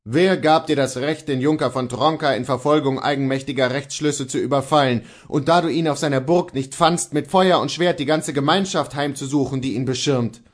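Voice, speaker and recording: A man's voice: mid-range voice, normal speed, few pauses, pitched above the performer's own voice, lightly acted. A man reading the part of a stern, indignant male church reformer, scolding in thundering rebukes. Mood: indignant wrath.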